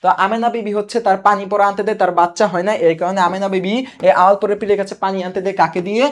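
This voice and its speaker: A man's voice: high voice, level tone, rapid-fire. A young man teaching a live online coaching class, quizzing viewers, repeating key answers and reading their comments aloud. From Bangladesh.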